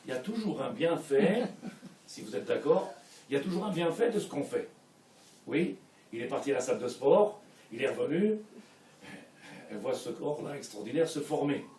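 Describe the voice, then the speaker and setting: A man with a French Israeli accent giving a Torah class, swinging between soft asides and shouted points, mixing in Hebrew phrases. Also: mid-range voice, animated, normal speed, long pauses, slight background noise. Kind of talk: sermon. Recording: echoey room, mic at a distance.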